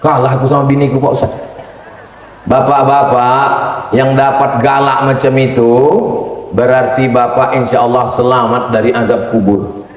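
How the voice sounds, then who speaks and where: Joking preacher in an echoey hall. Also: male voice, medium pitch, level tone, normal speed. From Riau. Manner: humorous, acts out voices. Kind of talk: sermon. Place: large hall at an Islamic boarding school. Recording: echoey hall, distant mic.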